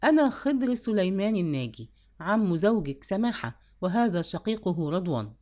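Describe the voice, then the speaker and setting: A woman's voice: mid-range voice, big pitch swings, moderate pace, warm tone, close to an everyday voice. A woman doing a courteous older man. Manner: formal, courteous. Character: dignified older male uncle, courteous.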